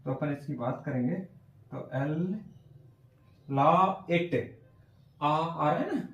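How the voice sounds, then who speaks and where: A male teacher giving a classroom lesson on phonetic transcription, slowly sounding out words and often checking whether students follow. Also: on the high side, fairly bright tone. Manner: slow, repeats sounds and checks understanding often. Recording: echoey room from far off.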